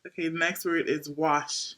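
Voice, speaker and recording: A woman's voice: sits low, level tone, normal speed, a bit bright. A young woman with a Nigerian accent, hosting her channel in a friendly, chatty conversation with a friend. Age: young adult. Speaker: channel host. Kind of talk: casual chat.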